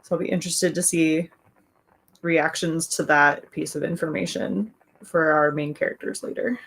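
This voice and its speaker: Raspy-voiced woman chatting on a livestream. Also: sits low, steady tone, normal speed, a bit bright. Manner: chatty, reads comments aloud, laughs often. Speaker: livestream host. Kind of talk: casual chat reading viewer comments.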